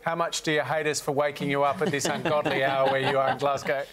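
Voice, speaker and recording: A man's voice: medium pitch, flat delivery, fast, a bit bright. A man hosting a TV talk show, introducing a story and chatting with a remote guest in an upbeat, jokey way. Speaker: TV show host. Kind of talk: broadcast TV talk.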